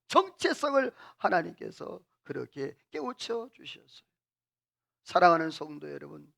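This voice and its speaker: High, lively preaching man. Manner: animated, questions the congregation and has them repeat phrases. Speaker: senior pastor. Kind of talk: sermon. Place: church sanctuary.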